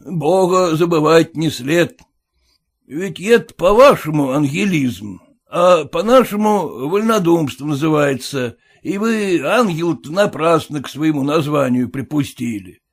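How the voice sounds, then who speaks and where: Man playing a boorish merchant landlord, slow drawl, condescending, lively pitch, storybook figure. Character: coarse, tipsy old-fashioned merchant landlord, overbearing.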